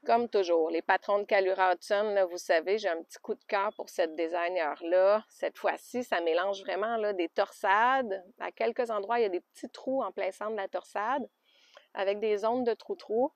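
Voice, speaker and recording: A woman with a Québécois French accent chatting casually in a knitting podcast, homey and loose, with soft laughs. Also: mid-range voice, normal speed, no echo. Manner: chatty, homey, often laughs softly and adds little fillers. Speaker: knitting podcaster and alpaca farmer. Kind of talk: casual show-and-tell chat. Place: outdoors by an alpaca pen.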